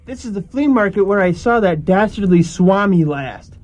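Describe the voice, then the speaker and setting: A woman's voice: mid-range voice, animated, normal speed, darkish tone, natural voice. A woman playing an earnest, decisive crime-fighting hero in a comedy audio drama, speaking in melodramatic declarations. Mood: determined.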